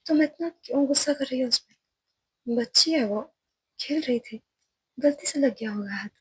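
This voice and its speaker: A woman voicing a protective young wife and mother in a storybook reading, speaking in a sharp, scolding way. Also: high-pitched, moderate pace, breathy edge, dry recording, pitched above the performer's own voice.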